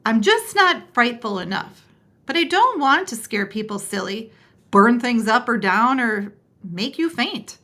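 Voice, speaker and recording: A woman's voice: a little high, sing-song, unhurried, pushed and bright, heavily acted. A woman voicing a timid, earnest young male dragon in a storybook read-aloud, with an eager, apologetic manner. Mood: upset.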